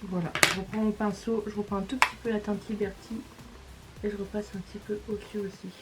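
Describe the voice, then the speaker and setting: A woman's voice: medium pitch, flat delivery, fast, over music, low-quality recording. A woman, casually talking through each step of a makeup tutorial. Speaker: beauty vlogger.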